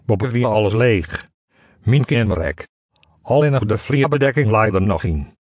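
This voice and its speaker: A man reading a first-person story aloud in a calm, measured way. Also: fairly low pitch. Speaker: narrator.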